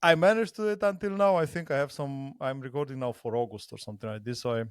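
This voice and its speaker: A man's voice: mid-range voice, fast, clean tone, no echo. Chatty Romanian-born man, dry sound. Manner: chatty, rambling, laughs often. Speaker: podcast guest. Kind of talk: casual video-call chat.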